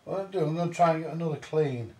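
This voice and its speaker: A British man with a slightly high, darkish voice races through a casual, hands-on commentary while fixing vintage audio gear, muttering to himself and swearing every so often. The mic sits at a distance, leaving a roomy echo.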